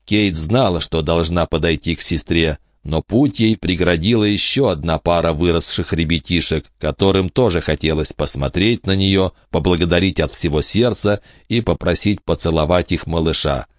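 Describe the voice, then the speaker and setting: A man narrating a storybook in an expressive reading style, voicing many characters. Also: low voice, moderate pace, few pauses, no room sound, studio quality. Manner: expressive reader doing many voices. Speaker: audiobook narrator.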